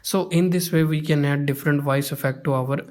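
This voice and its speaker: Man, software tutorial narration, fairly high voice, monotone delivery, step-by-step, filler-heavy. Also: brisk. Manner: step-by-step, with frequent "uh" and "you can say" fillers. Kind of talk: screen-recorded software tutorial.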